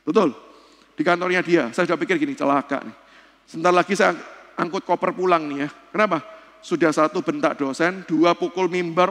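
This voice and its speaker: A man preaching a sermon at a church family seminar, fiery and dramatic, swinging from loud bursts to hushed low passages. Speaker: pastor and seminar speaker. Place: church hall. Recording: long church hall reverb.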